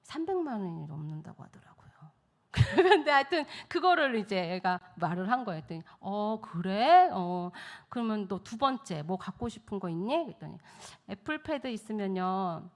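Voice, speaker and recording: A middle-aged woman, a missionary speaker, telling a lively testimony story at a church service, acting out the people she quotes and laughing often. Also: mid-range voice, moderate pace, hardly any pauses. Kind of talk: testimony sermon.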